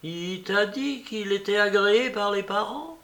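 A man's voice: sits high, measured pace, a bit bright, voice pushed up. A man doing a stubborn scolding old aunt. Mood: exasperated. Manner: scolding, indignant questioning. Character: irritated elderly spinster aunt, stubborn, scolding. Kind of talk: audiobook character reading.

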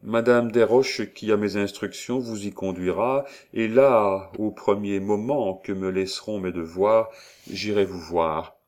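A man's voice: lowish voice, steady tone, measured pace, natural voice. A man voicing a dignified noble father who speaks earnestly and with emotion, in a storybook reading. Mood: solemn, tender. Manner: earnest, gently solemn.

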